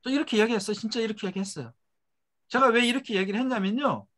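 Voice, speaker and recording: At a quick pace, a middle-aged man presents a motivational lecture for a network marketing venture. He talks forcefully, leans on rhetorical questions, and lets tag phrases taper off low and hushed.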